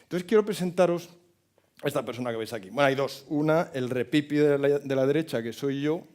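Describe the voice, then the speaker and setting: Animated Spanish man giving a talk. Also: on the high side, a little fast. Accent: Spain Spanish. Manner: animated, jokes with the audience and asks it questions. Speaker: speaker at a hospitality forum. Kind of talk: motivational talk with storytelling.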